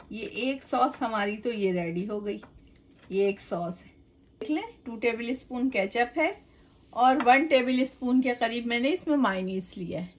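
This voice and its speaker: At her kitchen counter, a middle-aged cooking channel host chats through a home recipe, explaining each step as she works and repeatedly turning to the viewer. Her voice is a little high for a woman, and there's a little hiss or hum in this home cooking demonstration.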